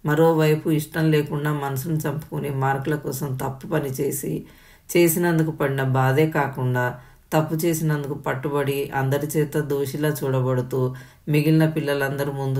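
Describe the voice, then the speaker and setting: A woman narrating an audio story in a steady, even storytelling manner. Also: extremely low pitch, vocal fry.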